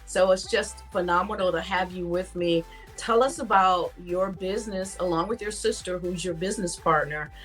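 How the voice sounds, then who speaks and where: A woman hosts an interview in a conversational style. Her voice sits a little on the low side, with faint music underneath. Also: normal speed, fairly bright tone. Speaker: interview host.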